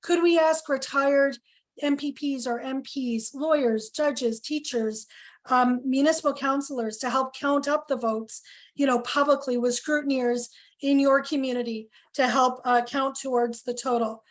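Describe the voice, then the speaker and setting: A woman organizer presenting at a town hall over a video call, earnest with many pauses and fillers, losing her voice. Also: high voice, fairly even intonation. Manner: earnest, lots of ums and questions. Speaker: health coalition organizer.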